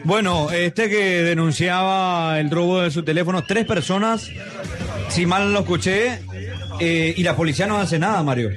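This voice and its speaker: A man hosts a live football show on the radio. He is upbeat and speaks in a high voice for a man. Faint music plays underneath. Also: moderate pace. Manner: upbeat, hands over to reporters. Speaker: sports radio host. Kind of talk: live sports radio hosting.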